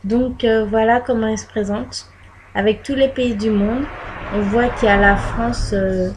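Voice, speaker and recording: Woman vlogger, slightly high voice, unhurried and hesitant, full of fillers; laptop mic, faint background noise. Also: fairly even intonation. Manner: hesitant, many fillers and pauses. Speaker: vlogger showing her postcard collection. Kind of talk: casual show-and-tell. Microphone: laptop built-in microphone.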